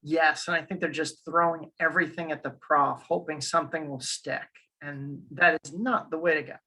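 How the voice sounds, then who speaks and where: Casting: husky-voiced man, dry wry co-host. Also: fairly high pitch, fairly even intonation, normal speed, pushed and bright, poor audio. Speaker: podcast co-host, law teacher. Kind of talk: casual chat.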